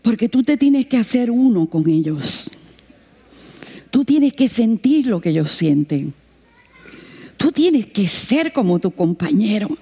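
A woman's voice: slow, long pauses, slightly rough. A woman preaching a sermon, telling a missionary story and acting out the voices in it. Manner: lively, acts out quoted voices with big pitch jumps.

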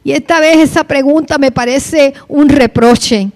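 Woman preacher, high voice, reads the bible then preaches, gets fired up. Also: a little slow, a little mellow. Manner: reads scripture then preaches with rising passion. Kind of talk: sermon.

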